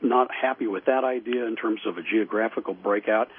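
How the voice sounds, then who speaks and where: A man speaking as an interview guest over the phone, explaining in a halting, measured way. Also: lowish voice, slight background noise. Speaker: radio guest, statehouse show host. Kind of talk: interview commentary. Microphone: telephone call. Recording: tinny, muffled phone line.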